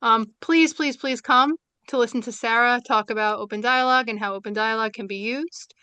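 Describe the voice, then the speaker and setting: A woman's voice: fairly high pitch, a little fast, pushed and bright, smooth, dry recording. A woman with a New York accent from Brooklyn, chatty and enthusiastic, with many fillers, wrapping up a webinar over a video call. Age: adult with young children. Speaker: seminar moderator. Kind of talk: closing remarks on a webinar.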